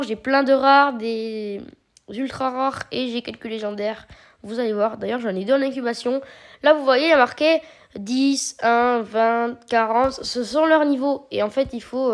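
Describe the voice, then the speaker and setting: A woman walks viewers through a mobile game in a casual, chatty way. Her voice sits a little higher than usual. She explains each step patiently, filling the gaps with small hesitations. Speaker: mobile game video creator. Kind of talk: casual gameplay commentary.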